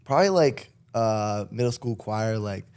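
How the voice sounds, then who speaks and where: A man's voice: on the low side, animated, a little slow, darkish tone, smooth. A young man from Connecticut, a rapper chatting as a podcast guest in a laid-back, rambling way with frequent laughs. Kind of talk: casual chat.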